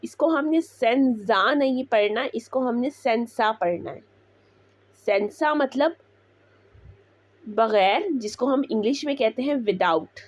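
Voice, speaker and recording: A woman teaching Italian words, repeating each one slowly before explaining it. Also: fairly high pitch. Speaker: language teacher. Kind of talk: slow Italian vocabulary lesson.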